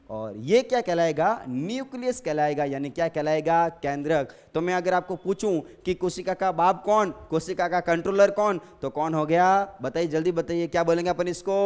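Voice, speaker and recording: A male teacher with a high-pitched, slightly mellow voice gives a science lesson, posing questions and answering them himself. He drills key terms through repetition and addresses his students fondly.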